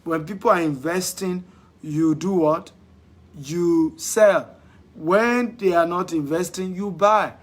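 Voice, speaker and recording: Nigerian guy on a live stream, husky voice pitched a bit high, hypes people up and repeats stuff. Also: slow. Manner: animated, exhorting, repeats lines for emphasis. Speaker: podcast host.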